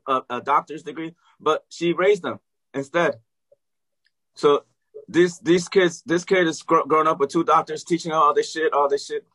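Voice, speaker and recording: Husky, forceful man telling a story. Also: a little high, rough recording. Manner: animated, profane, emphatic. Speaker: professor who teaches music. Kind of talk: casual storytelling with quoted dialogue.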